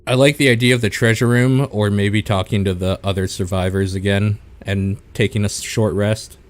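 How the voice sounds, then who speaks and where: A man with a fairly low voice plays in a tabletop game. He talks casually in short, halting bursts as he works out what his character does. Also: fairly even intonation, no room sound. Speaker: player.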